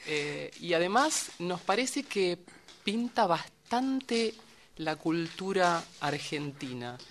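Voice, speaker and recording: A woman's voice: fairly low pitch, sing-song, slow, a little hiss or hum. Chatty woman, joking asides. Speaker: singer in a vocal group. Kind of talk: interview answers.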